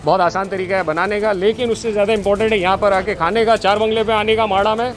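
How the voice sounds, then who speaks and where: A man's voice: sits high, fairly even intonation, fast, music in the background. A young man vlogging in a restaurant kitchen, asking questions and joking as the food is cooked. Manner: chatty, asks questions, jokes. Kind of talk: casual chat.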